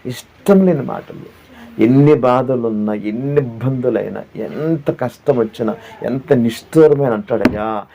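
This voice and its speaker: A man's voice: medium pitch, measured pace, dark tone, slight background noise. A man pastor preaching a sermon who asks the listeners questions, repeats his phrases and sings hymn lines. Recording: dull lo-fi audio with faint background.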